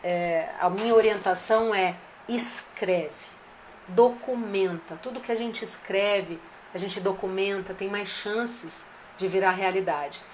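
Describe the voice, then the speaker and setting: A woman's voice: medium pitch, measured pace, a little hiss or hum. A woman giving a direct, coaching business talk to restaurant owners, speaking to them familiarly. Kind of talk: live-streamed business advice talk.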